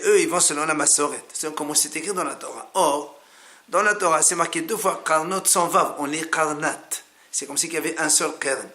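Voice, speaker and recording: Man, bright ringing voice, slightly high, patient step-by-step Talmud teacher, repeats key words. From France. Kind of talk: Talmud class explanation.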